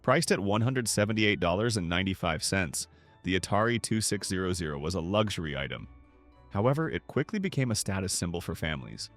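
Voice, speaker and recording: Backed by music, this documentary narrator speaks in a fairly low, slightly bright voice from a script. Big pitch swings run through his polished, measured telling, which has the feel of rehearsed storytelling.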